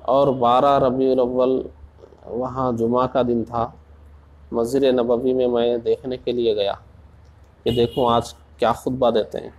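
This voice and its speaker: A man preaching in a slow, deliberate way, asking rhetorical questions and rising into passionate emphasis. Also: medium pitch, flat delivery, darkish tone. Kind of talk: Urdu sermon.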